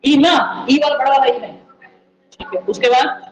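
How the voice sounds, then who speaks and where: High-voiced male teacher quizzing students. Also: normal speed. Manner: repeats points and quizzes the listeners with questions. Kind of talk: exam-prep lecture. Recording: echoey room, faint background noise.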